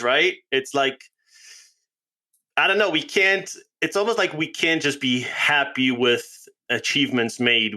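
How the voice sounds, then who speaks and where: A man's voice: medium pitch, pushed and bright. A man hosting a podcast, chatting casually and loosely, often repeating words as he thinks. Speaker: podcast host. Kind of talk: casual interview chat.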